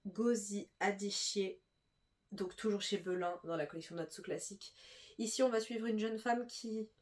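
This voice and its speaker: A woman's voice: medium pitch, a little mellow. A young woman with a stuffy nose chatting casually through a book haul, full of fillers and restarts. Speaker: booktuber.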